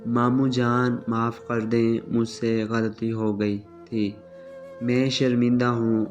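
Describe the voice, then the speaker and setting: A man voicing a polite, devoted young man who speaks softly and respectfully. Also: mid-range voice, little pitch movement, close to an everyday voice. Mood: gentle. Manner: soft, polite. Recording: slightly dull with soft music.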